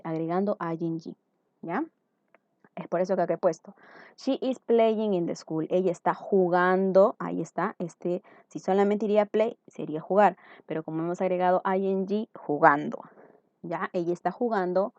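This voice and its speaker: A woman's voice: fairly low pitch, mellow, dry recording. A woman English teacher giving a recorded grammar lesson, patient and repetitive, often checking that her students follow. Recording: dull, dry lo-fi recording.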